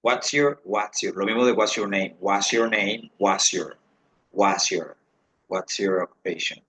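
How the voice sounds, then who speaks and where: Husky, slow-spoken male teacher. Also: lowish voice, fairly bright tone. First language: Spanish. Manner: repeats phrases slowly, switching between English and Spanish. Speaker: English instructor. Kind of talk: online English lesson.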